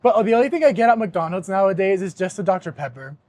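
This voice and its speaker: A young man hosting a podcast, telling a story in casual chat, animated and swearing often, with laughs mixed in. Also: high-pitched, quick pace, dry recording. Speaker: podcast host.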